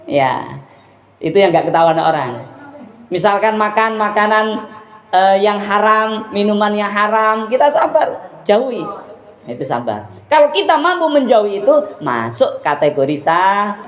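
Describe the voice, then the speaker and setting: A woman giving a lively religious talk to a women's study group, playfully acting out examples in sudden high bursts. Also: unhurried. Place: study group gathering room. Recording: echoey, dull room recording.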